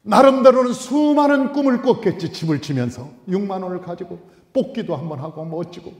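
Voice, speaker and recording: A male pastor delivering a storytelling sermon in a church sanctuary, swinging between hushed asides and loud, emphatic outbursts. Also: high voice, expressive, a little fast. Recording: echoey hall.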